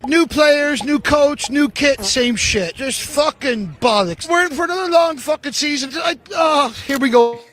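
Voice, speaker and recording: A man rants in exasperation, his voice pushed very high. His words slur and lisp from missing front teeth. He swears constantly, like a supporter who has had enough. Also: measured pace, few pauses, a bit bright. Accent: non-American accent. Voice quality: slurred, lisping speech from missing front teeth. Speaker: disgruntled football fan in a viral video. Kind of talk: profane ranting to camera.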